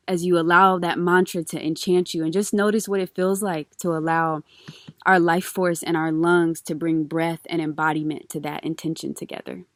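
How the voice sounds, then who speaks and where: A woman leads a calm grounding exercise as a meditation facilitator. Her voice sits fairly low and stays very level, with gentle, reverent phrasing and unhurried pauses. The sound is dry, with no room on it. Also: no room sound.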